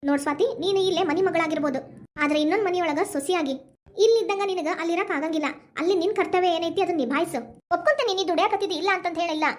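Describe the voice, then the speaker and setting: A woman voicing a firm, wise middle-aged mother in a cartoon, lecturing with a North Karnataka accent. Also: very high-pitched. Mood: stern. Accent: North Karnataka Kannada. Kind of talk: cartoon voice acting.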